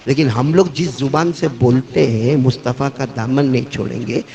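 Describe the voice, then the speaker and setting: A man preaching a sermon. He swings between high, shouted peaks and low, quiet drops, and calls questions out to his listeners. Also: fairly even intonation, gravelly. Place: gathering with a live audience. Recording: crowd audible behind.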